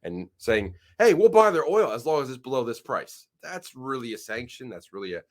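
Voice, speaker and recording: Hosting his own channel, this man chats loosely about the news as he shares his screen, his mid-range voice very animated. He's slightly nasal from a cold and keeps breaking off and restarting sentences in a rambling way.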